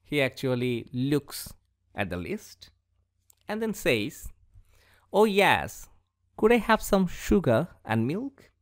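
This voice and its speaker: A very animated male teacher from Bangladesh, with a voice on the high side, presents a scripted English lesson for schoolchildren as a voice-over on slides. He speaks slowly and deliberately, reading dialogue aloud.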